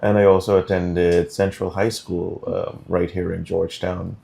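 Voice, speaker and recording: A deep-voiced man with a gravelly edge talks as a studio interview guest. He is middle-aged and from Guyana. He explains things slowly and deliberately, with frequent ums and uhs. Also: little pitch movement, warm tone. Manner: measured, deliberate, many um fillers. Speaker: interview guest, food policy director.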